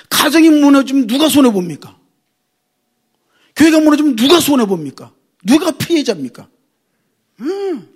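Husky animated male preacher. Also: sits high. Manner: animated preaching with rhetorical questions. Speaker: pastor. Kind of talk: sermon.

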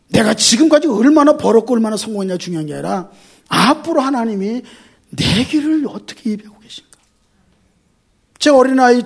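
Pastor guy preaching, high husky voice, goes from quiet to yelling, lots of storytelling. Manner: emphatic, swings from quiet to shouting, animated storytelling. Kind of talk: sermon.

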